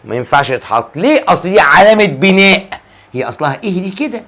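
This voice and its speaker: A man's voice: high voice, big pitch swings, quick pace, pushed and bright. A man with an Egyptian Arabic accent teaching grammar, acting out student questions and answering them himself, stretching key words for emphasis. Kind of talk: lively classroom explanation.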